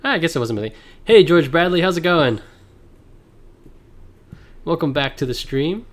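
A man streaming a card game, chatting casually with viewers and thinking out loud as he plays, heard through livestream headset audio. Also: fairly high pitch, expressive, normal speed. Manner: thinks aloud, reads card text, chats with viewers. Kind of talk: casual gameplay commentary. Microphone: livestream headset mic.

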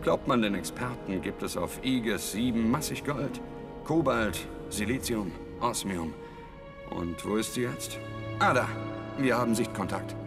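An actor playing an authoritative, stubborn spaceship commander in a dramatic, matter-of-fact game performance. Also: male voice, fairly low pitch, expressive, unhurried, music in the background. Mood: calm command.

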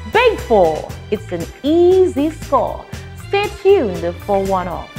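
A woman's voice: fairly high pitch, very animated, slow pace, dark tone, soft background music. A young woman, presenting a lottery draw in a formal, carefully enunciated way. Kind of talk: scripted TV lottery announcing.

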